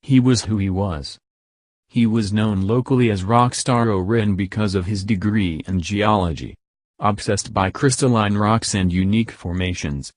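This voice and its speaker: A man reading an audiobook in a steady, measured narration, recorded close to the mic. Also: lowish voice, no room sound.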